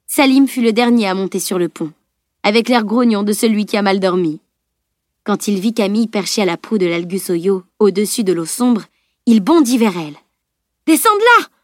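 A woman narrates a fantasy novel as an audiobook, reading at a steady, measured pace. Her voice sits at a middling pitch for a woman and sounds dry and close to the mic, with no room echo. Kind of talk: scripted narration.

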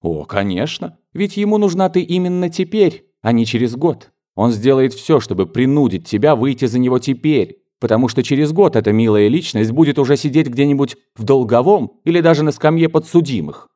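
A man raises his pitch and volume to play a proud elder sister from a classic novel, prim and quick to anger. She snaps in sharp, indignant bursts. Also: expressive, lightly acted.

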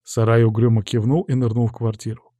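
Male audiobook narrator, steady wry storytelling, dark tone, dry sound. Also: mid-range voice, brisk, dry recording.

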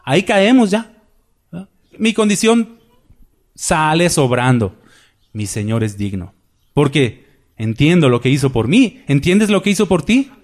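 A man's voice: a little high, very animated, unhurried, long pauses. A man preaching a Sunday sermon, with emphatic repetition and rhetorical questions. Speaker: pastor. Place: church.

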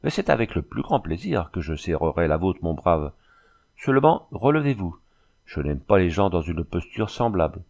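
A man's voice: low voice, very animated, normal speed, creaky, darkish tone, full character voice. A man reading as a polite young French engineer. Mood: surprised.

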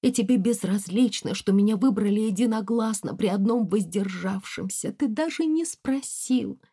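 A woman's voice: medium pitch, moderate pace, mellow, breathy edge, pitched above the performer's own voice. A woman voicing a young wife who speaks tearfully and reproachfully. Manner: tearful, stammering.

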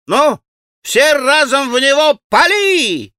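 A man voicing a rowdy gang of schoolboys in an audiobook, shouting and taunting. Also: high voice, very animated, normal speed, dry recording, clean studio sound, voice pushed up, exaggerated voice. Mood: jeering.

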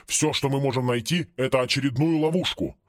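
A man's voice: mid-range voice, fairly quick, no room sound, studio quality, natural voice. A man reading an audiobook and voicing an exasperated, sarcastic male investigator who scolds everyone around him. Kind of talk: audiobook character voice.

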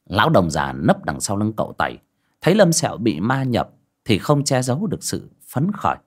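A man narrating an audio ghost story in a dramatic, lively storytelling manner. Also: lowish voice, moderate pace, breathy edge.

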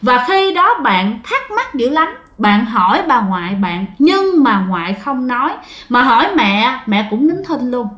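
A woman with a high, light voice recounts a ghost story in an easy, conversational manner. She keeps turning to her listeners and acts out what each family member says. The sound bounces around an echoey room. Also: big pitch swings, measured pace, a bit bright.

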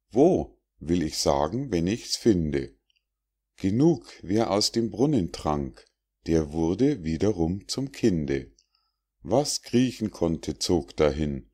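A man narrating rhymed fables as an audiobook reader, in a measured, recitative verse delivery. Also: sits low, darkish tone.

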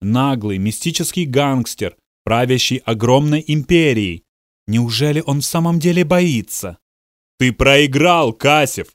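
A man's voice: mid-range voice, expressive, a little slow, dry recording, clean studio sound. A man reading a novel aloud in a dramatic audiobook style, voicing the characters' outbursts. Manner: dramatic, voices the characters' shouts. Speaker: narrator. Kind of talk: audiobook narration.

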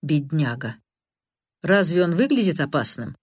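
A woman reading an audiobook, voicing a calm, authoritative middle-aged man who speaks curtly and dismissively in a lowered voice. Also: measured pace, husky, no echo, clean studio sound, exaggerated voice. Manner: curt, dismissive.

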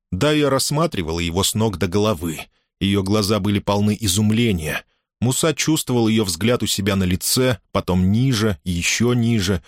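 Guy reading an audiobook, lowish voice, dry close sound, steady measured pace. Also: no room sound. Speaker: audiobook narrator. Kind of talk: scripted audiobook narration.

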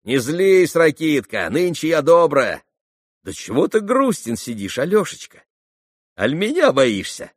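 A man reading an audiobook, voicing an excitable, teasing young woman who chatters playfully. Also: mid-range voice, measured pace, no echo, clean studio sound, pitched above the performer's own voice. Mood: teasing excited. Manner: chattering, playful, mock-scolding. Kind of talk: audiobook character voice.

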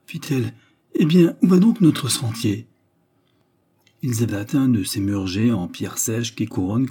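A man narrating a classic novel as an audiobook in a calm, measured reading. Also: fairly low pitch, breathy edge.

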